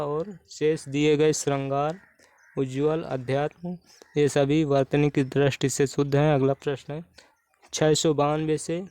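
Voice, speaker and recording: Recorded close and dry, a man who teaches Hindi exam prep explains spelling questions methodically and repeats each answer. His voice is smooth, clear and fairly high, delivered in a flat, even way.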